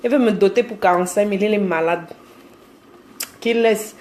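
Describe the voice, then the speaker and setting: Lively Cameroonian woman live-streaming. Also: mid-range voice, fairly quick, slight background noise. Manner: lively, greets viewers by name, teasing. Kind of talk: casual live-stream chat reading comments.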